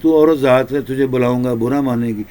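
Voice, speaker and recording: A towering, pious old hermit, as a storytelling man puts him on speaks in a soft, pleading way, asking gently and at length. His voice sits at an ordinary middle pitch. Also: fairly even intonation, lightly acted.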